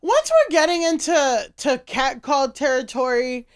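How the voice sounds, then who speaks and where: A woman's voice: high-pitched, very animated, measured pace. A woman from South Florida, a comedian guest, speaking bluntly and outspokenly in casual podcast chat.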